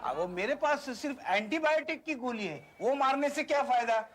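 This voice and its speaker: A nervous, fussy middle-aged father with a very high voice that stammers when he's rattled. The TV audio is heavily noisy. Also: expressive, a little fast. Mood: flustered. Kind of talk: TV sitcom acting. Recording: noisy TV soundtrack.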